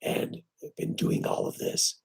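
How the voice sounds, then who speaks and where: Hoarse and short of breath, a man with weak, breathy, raspy vocal cords hosts a casual live stream from home, talking into his computer microphone. He speaks haltingly with many fillers and restarts, though he perks up when greeting viewers.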